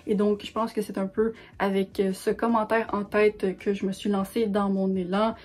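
Husky-voiced Québécoise book vlogger. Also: female voice, mid-range voice, little pitch movement, moderate pace, darkish tone. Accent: Québécois French. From Quebec. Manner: chatty and enthusiastic. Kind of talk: casual vlog talk to camera.

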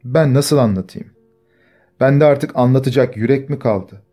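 A man reading the part of a poor older mother who speaks wearily and pleads slowly. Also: medium pitch, mellow, faint music behind, natural voice. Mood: pleading.

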